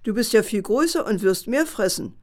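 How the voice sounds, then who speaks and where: A woman's voice: mid-range voice, animated, moderate pace, close to an everyday voice. A woman voicing a cunning, smug male fox in a children's story, speaking in a wheedling tone with feigned innocence. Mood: sly, scheming.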